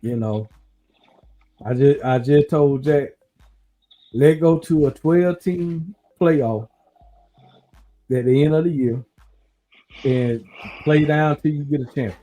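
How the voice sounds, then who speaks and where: A man hosting a casual podcast chat, rambling and thinking out loud as he talks. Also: fairly high pitch, slow, long pauses. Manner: relaxed, rambling, talks through his uncertainty. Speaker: podcast host.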